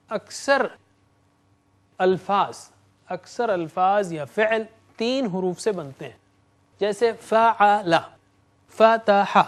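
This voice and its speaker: A man with a high voice gives a patient classroom lecture on grammar. He explains slowly, repeats each word form, and slips in small jokes. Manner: explains slowly, repeating words with hand gestures. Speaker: Quranic Arabic teacher.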